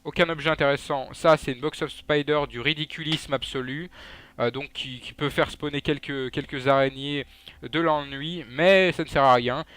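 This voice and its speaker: A man's voice: fairly high pitch, fairly even intonation, normal speed, a bit bright. A young man giving casual, joking gameplay commentary, trash-talking enemies and swearing. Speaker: gaming YouTuber.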